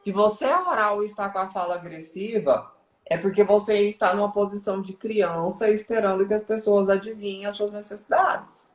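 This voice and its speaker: A woman's voice: mid-range voice, a little fast, reverberant. A woman speaking as a guest on a live stream, explaining in a teaching way and often checking in with the listener.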